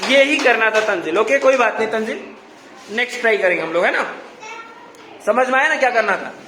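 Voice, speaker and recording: A male teacher drills his class with the same questions again and again and scolds them mildly for not listening. He is recorded in a classroom full of echo, with steady noise behind him. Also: sits high, a little fast. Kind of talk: classroom English grammar lesson. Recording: echoey classroom with background noise.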